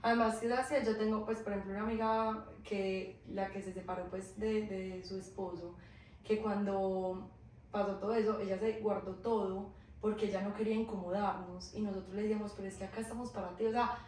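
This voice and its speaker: A woman podcast host, chatting casually, telling personal stories and quickly agreeing with her guest. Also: medium pitch, little pitch movement, a little mellow. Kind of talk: casual chat. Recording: roomy echo, mic at a distance, faint hiss.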